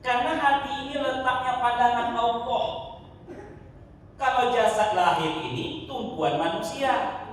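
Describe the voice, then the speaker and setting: A man's voice: extremely high pitch, unhurried. Male preacher in an echoey mosque hall. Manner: lively, joking, sometimes chants phrases. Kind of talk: sermon. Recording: echoey hall from far off, faint noise.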